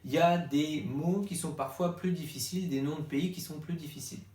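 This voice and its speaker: A man's voice: fairly high pitch, fairly quick, darkish tone. A male primary school teacher explaining a reading lesson to parents step by step, patiently acting out the questions to ask the child. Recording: echoey room.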